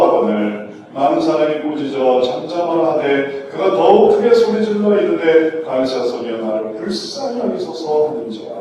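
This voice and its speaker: Male pastor, sermon, lively rising-and-falling delivery, slightly raised pitch, recorded from a distance in a reverberant church with audible noise. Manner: lively preaching, acting out people's inner voices and questioning the congregation. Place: church sanctuary. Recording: echoey church hall, mic at a distance, background noise.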